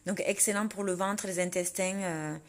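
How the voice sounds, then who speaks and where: A woman chatting casually to camera about her day, relaxed and full of fillers. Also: medium pitch, normal speed. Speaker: vlogger preparing for a fitness competition. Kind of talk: casual vlog narration.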